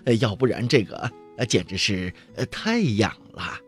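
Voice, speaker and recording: Guy putting on a low muttering fairy king, worried old man, storybook voice. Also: sing-song, normal speed, husky, faint music behind. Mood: fretful. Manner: fretful, muttering with hesitations.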